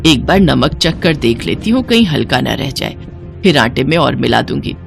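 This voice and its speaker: A woman's voice: extremely low pitch, sing-song, moderate pace, gravelly, faint music behind, pitched below the performer's own voice, heavily acted. A woman voicing an older, strict mother-in-law in a cartoon, scolding and firm. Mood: stern. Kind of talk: cartoon voice acting.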